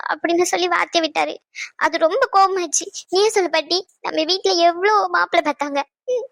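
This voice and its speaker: A woman's voice: very high voice, a bit bright, no room sound. A woman voicing an upset young married granddaughter in a cartoon, talking in a hurt, pleading way. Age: young adult. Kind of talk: cartoon voice acting.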